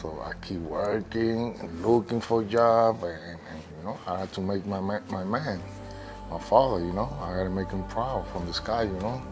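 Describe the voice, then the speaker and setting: A middle-aged father speaks in a documentary interview with a low, heavy voice. He talks emotionally and bluntly, with curses mixed in. Soft music sits faintly behind him. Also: normal speed. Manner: emotional, rough-spoken, swearing.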